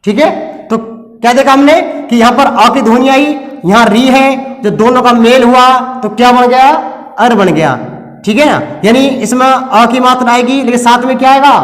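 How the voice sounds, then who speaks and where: A man's voice: very high-pitched, normal speed, a bit bright, big-room sound. A man teaching a recorded lesson, explaining step by step and asking and answering his own questions.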